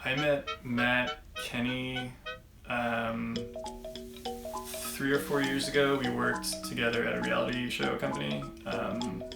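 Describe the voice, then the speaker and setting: Gravelly young man in an echoey room. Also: mid-range voice, level tone, takes it slowly, loud music behind the voice. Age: 20s. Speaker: interviewee. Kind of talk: casual interview.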